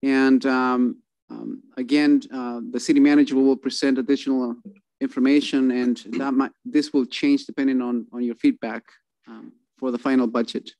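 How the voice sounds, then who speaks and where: A man presenting a city budget at a council meeting over a video call, halting with many fillers and restarts. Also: medium pitch, level tone, a little mellow, no room sound.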